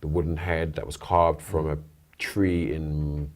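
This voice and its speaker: UK rapper guest, deep voice, rambling and reflective, relaxed studio chat. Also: male voice, a little slow. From United Kingdom. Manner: thoughtful, rambling with restarts. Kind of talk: casual interview chat. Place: radio studio.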